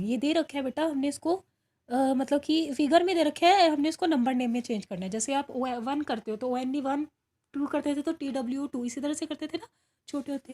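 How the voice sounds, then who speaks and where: A woman teaching primary school from a worksheet, patiently walking young pupils through each step and often checking they follow. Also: sits high. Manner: patient, repeats "ठीक है" and calls pupils "बेटा". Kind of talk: recorded worksheet lesson for children.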